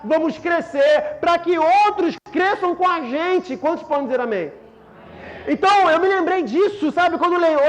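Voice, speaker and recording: Brazilian preacher guy, really high voice, preaching hard and calling out to the church. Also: dull audio. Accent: Brazilian Portuguese. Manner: preaching with rising calls and shouted quotes to the congregation. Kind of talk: sermon.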